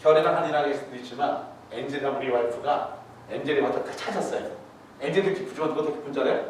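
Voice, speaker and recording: A middle-aged male pastor preaching a sermon in a lively way, acting out voices and putting questions to his congregation. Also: medium pitch, rapid-fire, slight background noise. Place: large church sanctuary. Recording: echoey hall, mic far from the speaker.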